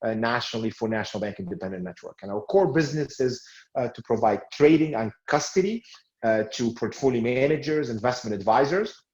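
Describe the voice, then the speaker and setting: A Tunisian man in his forties, a sales manager in finance, answers interview questions as a guest in a mid-range, darkish voice that is expressive and fairly quick. He sounds hesitant, often restarting and using fillers, and the recording is roomy and a little dull, like a lo-fi call.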